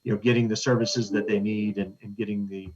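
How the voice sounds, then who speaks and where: A man speaking as a webinar panelist, earnest and halting, with frequent fillers and restarts. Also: fairly low pitch, flat delivery, a little mellow. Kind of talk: conversational commentary. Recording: dull lo-fi call audio.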